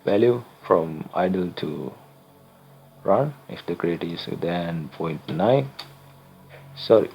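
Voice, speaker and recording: A young Sri Lankan man, a channel host who makes tutorials, narrates a screen-recorded coding lesson in English, his second language. His low, gravelly voice is animated, and he explains haltingly, correcting himself with lots of fillers and restarts. The recording is muffled, with faint music underneath.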